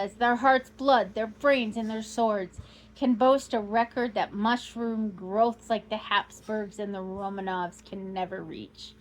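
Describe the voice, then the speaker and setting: A woman reading aloud as a proud, boastful old male count, declaiming grandly and rising to loud outbursts. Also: medium pitch, natural voice, rough recording.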